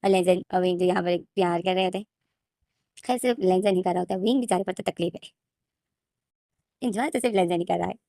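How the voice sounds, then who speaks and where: Fast-talking woman narrating a fan story. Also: lowish voice, warm tone, no room sound, studio quality. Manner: rapid and run-on, with many restarts.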